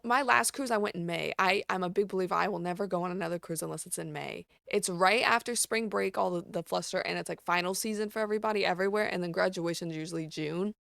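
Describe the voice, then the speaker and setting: Female host, casual profane storyteller, mid-range voice with vocal fry, dry close sound. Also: mid-range voice, no echo. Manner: blunt, profane, animated storytelling. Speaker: podcast host.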